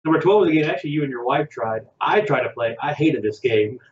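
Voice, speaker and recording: A man's voice: medium pitch, lively intonation, fast talker, reverberant, muffled recording, a little hiss or hum. A man co-hosting a casual podcast chat, rambling and hesitant as he goes down a list. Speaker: podcast co-host.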